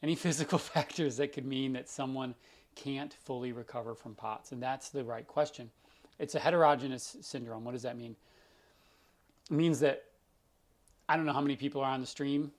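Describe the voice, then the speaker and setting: Speaking at a moderate pace with fairly even intonation, a scratchy-voiced man of medium pitch hosts a live Q&A stream as a doctor. He uses many everyday examples and keeps the explanations loose and conversational.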